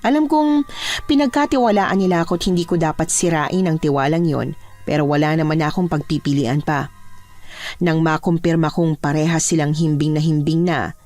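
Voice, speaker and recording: Woman telling a horror tale softly. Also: low voice, normal speed, soft background music. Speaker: storyteller. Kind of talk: first-person horror narration.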